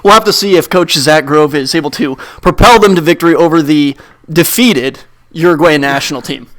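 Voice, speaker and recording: A young man as co-host and analyst, giving mock sports commentary in a dry, deadpan pundit tone. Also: on the high side, moderate pace.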